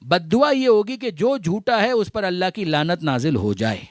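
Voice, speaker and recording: A man's voice: high voice, very animated, no room sound, studio quality. A man giving a religious sermon to a gathering, reciting Arabic verses and explaining them with repeated phrases, rhetorical questions and English terms mixed in. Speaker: religious scholar giving a majlis lecture.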